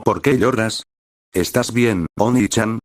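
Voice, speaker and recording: A man's voice: fairly low pitch, slow, no echo, clean studio sound. A man voicing a young girl, asking worried questions in a storybook reading. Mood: concerned. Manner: concerned, questioning. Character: little girl, cheerful worried sister.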